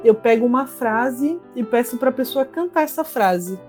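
Teacherly Brazilian woman, higher voice. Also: normal speed, faint music behind. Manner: patient, teacherly, lively explanations. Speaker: music therapist guest. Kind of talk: explanatory interview talk.

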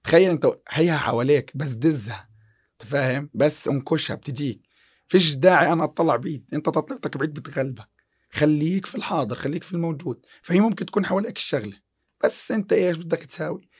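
A man's voice: fairly high pitch, rapid-fire, slightly rough. A man, chatting on a podcast about success and faith, quoting scripture with many restarts. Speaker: podcast guest, chemistry teacher. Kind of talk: casual podcast chat.

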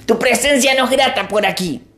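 A storyteller voicing a stubborn grown brother who guards his hut and answers in a high, defiant, drawn-out voice. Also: a bit bright, lightly acted.

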